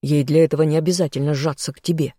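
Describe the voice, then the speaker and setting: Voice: mid-range voice, steady tone, fast, dark tone, no echo, studio quality, lightly acted. A reader voicing a proud, protective elf nobleman in a fantasy audiobook. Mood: angry.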